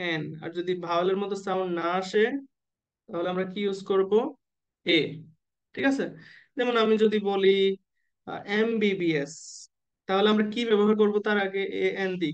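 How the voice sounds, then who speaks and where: A man tutoring nursing exam candidates in an online class, who keeps asking the students questions and slowly spells out letters and abbreviations. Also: high voice, clear, resonant tone, lo-fi sound. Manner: asks the class questions and waits for answers.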